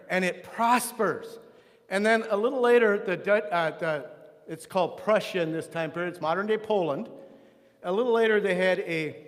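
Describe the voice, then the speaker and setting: Male Sunday school teacher, high-pitched, chatty with restarts and tangents; reverberant church hall. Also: fairly bright tone. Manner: conversational, with frequent restarts and asides. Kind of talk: church history lesson. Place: church room.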